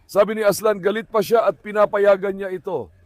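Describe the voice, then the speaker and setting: Lalaking mataas ang boses, nagkukuwento tungkol sa mga aso. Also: male voice, high-pitched, fairly even intonation, a little fast, darkish tone, no echo. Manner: talks to viewers and coaxes his dogs. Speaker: dog owner narrating his dogs. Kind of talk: casual vlog commentary.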